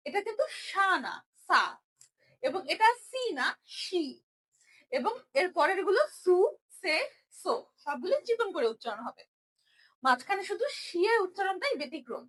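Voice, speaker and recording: A woman's voice: very high voice, a bit bright. A young woman teaching a Japanese writing lesson, explaining each stroke patiently and repeating every sound.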